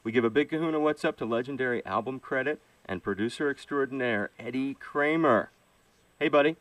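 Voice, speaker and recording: A man's voice: mid-range voice, fairly quick, fairly bright tone, no echo, recorded from a distance, poor audio. A man hosting a radio show who introduces and questions a guest with upbeat DJ patter. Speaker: radio DJ host. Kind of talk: radio interview.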